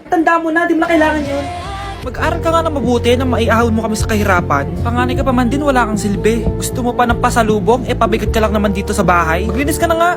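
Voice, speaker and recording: Brief: high-pitched woman, one-person comedy skits, flips between loud scolding and small voices, music bed. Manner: switches between shouted scolding and soft childish voices. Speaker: comedy sketch creator. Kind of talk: comedic skits voicing every character.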